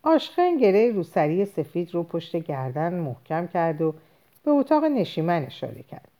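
A woman narrating a novel in the first person, expressive storytelling. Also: on the low side. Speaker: audiobook narrator.

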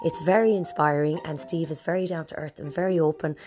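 Host: woman, Irish accent, slightly low pitch, conversational and encouraging interview delivery. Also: fairly even intonation, a little fast, music in the background. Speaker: podcast host. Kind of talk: podcast introduction and casual interview.

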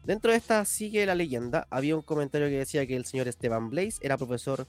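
A man's voice: medium pitch, quick pace, faint music behind. A man co-hosting a casual podcast, making an emphatic, indignant complaint. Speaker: podcast co-host.

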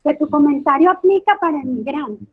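A woman's voice: high voice, expressive, brisk. A woman with a coastal Caribbean Venezuelan accent, close to coastal Colombian, talking through her opinions casually as a podcast guest on a thin phone-like line. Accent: Venezuelan, coastal Caribbean, sounding like coastal Colombian. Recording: thin, phone-like call audio.

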